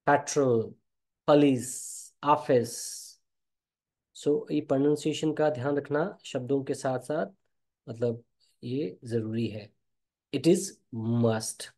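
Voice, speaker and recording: A man with an Indian accent teaching a spoken English lesson, explaining slowly and repeating example phrases. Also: medium pitch, warm tone.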